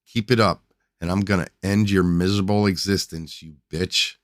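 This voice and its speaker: A man voicing a violent drunken husband who yells and taunts, then snarls through gritted teeth. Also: sits low, fairly even intonation, moderate pace, dry recording, clean studio sound, lightly acted. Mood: menacing.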